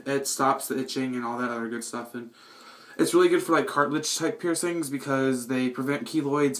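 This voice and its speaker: A man's voice: a little high, sharp tone. A man giving an informal, self-deprecating how-to in a casual vlog style, with bathroom echo on his voice. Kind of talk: casual chatty tutorial. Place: indoors in a small bathroom. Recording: echoey bathroom reverb.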